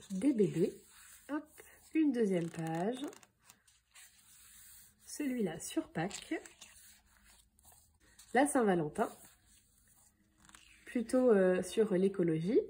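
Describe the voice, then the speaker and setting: A woman scrapbooking vlogger chatting casually through a product haul, with frequent filler pauses. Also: mid-range voice, warm tone, slightly rough. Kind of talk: casual haul video narration.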